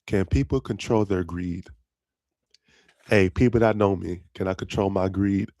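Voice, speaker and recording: A man's voice: deep voice, steady tone, measured pace, mellow, no echo, clean studio sound. A young man hosting his own podcast alone, rambling in casual slang and often laughing at his own jokes. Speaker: podcast host. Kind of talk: casual solo podcast chat.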